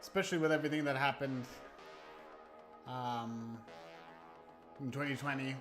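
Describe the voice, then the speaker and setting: Over background music, a livestream host talks casually with his viewers, drifting from point to point and pausing in fits and starts. His voice is medium-pitched and fairly bright, with fairly even intonation and a moderate pace. He's on a new close microphone with no webcam.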